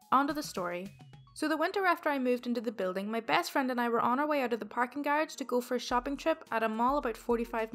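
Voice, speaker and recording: A woman hosting a storytime channel, reading online posts aloud in a steady, even delivery. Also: a little high.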